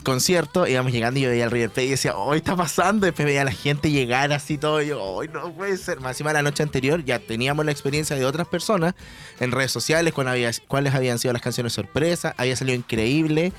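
Young Chilean guy, co-host on radio; quick, lively storyteller who acts out voices. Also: medium pitch. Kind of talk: casual chat.

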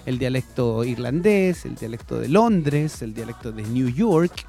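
Animated Chilean man co-hosting radio. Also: medium pitch, measured pace, creaky, soft background music. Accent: Chilean Spanish. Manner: animated, explains eagerly, switches between Spanish and English. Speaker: radio co-host. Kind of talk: casual bilingual radio chat. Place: radio studio.

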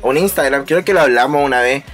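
A young man with a Chilean Spanish accent telling stories in a casual podcast chat, animated, with lots of laughing and playful voice imitations. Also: mid-range voice, fast talker, soft background music. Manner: animated storytelling, mimics voices and laughs often. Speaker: podcast host.

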